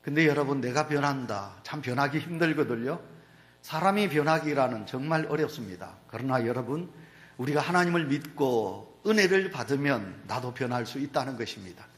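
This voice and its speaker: A man's voice: medium pitch, animated, normal speed. A male pastor preaching a sermon in a church, telling a story and speaking straight to the congregation. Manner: storytelling, addresses the congregation directly. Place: church sanctuary.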